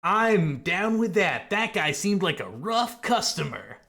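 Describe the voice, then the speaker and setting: Man doing a loud, sharp-voiced, eager dim sidekick. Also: sits high, sing-song, takes it slowly, gravelly, heavily acted. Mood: eager, oblivious. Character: loud, dim, upbeat male sidekick with dated slang.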